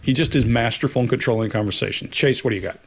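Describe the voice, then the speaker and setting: A man's voice: mid-range voice, fast, husky. A man analyzing body language on a panel, speaking confidently and animatedly with vivid imagery. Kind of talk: casual panel commentary.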